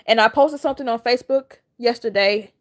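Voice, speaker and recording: A woman's voice: on the high side, brisk. A woman talking straight to her viewers in a rambling, earnest and encouraging way, as a spiritual coach. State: close to tears. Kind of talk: casual heartfelt monologue to camera.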